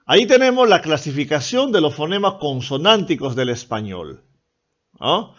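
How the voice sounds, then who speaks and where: Man, Peruvian Spanish accent, teacher, slightly high voice, explains patiently, dull lo-fi recording. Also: big pitch swings, moderate pace, a bit bright. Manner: explains step by step, asks "¿no?" and "¿ya?" to check understanding. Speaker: language teacher. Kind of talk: online class lecture.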